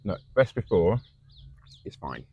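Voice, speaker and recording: Man, podcast co-host, deep and husky, earnest banter. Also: sing-song, a little slow, warm tone, highs cut off. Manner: earnest, repeats words when starting. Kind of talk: casual chat.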